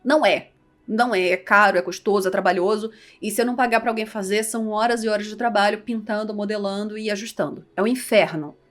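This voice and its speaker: A woman's voice: medium pitch, quick pace. A young woman from Rio de Janeiro with a Carioca accent, chatting animatedly and joking at herself in a casual vlog. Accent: Carioca Portuguese. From Rio de Janeiro, Brazil. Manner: animated, chatty, self-deprecating. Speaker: VTuber and content creator.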